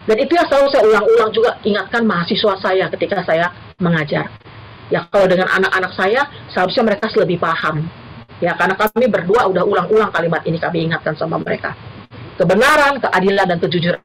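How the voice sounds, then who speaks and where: A woman's voice: medium pitch, quick pace, slight background noise, low-quality recording. A middle-aged woman, a university lecturer, giving an earnest church talk to the congregation. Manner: earnest, addresses listeners as brothers and sisters. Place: church service.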